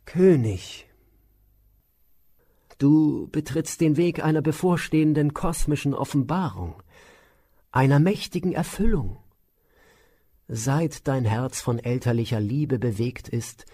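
A man's voice: a little high, warm tone, voice pushed up. A man voicing a wise old royal teacher who speaks in a solemn, reassuring way.

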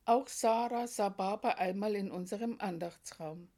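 A woman, reading her devotional testimony in a soft, reverent, measured way. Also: mid-range voice. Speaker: devotee telling personal experiences.

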